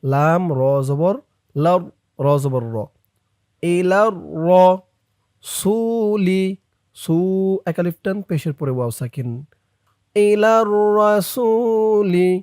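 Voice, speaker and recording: Male Quran reading teacher, high smooth voice, very slow drawn-out chanting with brisk spoken notes between, dry close mic. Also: lively intonation, darkish tone, no echo. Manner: slow drawn-out recitation alternating with quick spoken explanations. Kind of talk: Quran recitation lesson.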